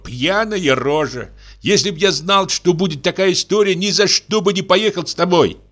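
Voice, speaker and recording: A man's voice: high-pitched, normal speed, fairly bright tone, voice pushed up. A man doing a tired, grumbling guest. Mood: exasperated. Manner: grumbling, exasperated. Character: tired grumbling middle-aged male guest. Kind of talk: audiobook character reading.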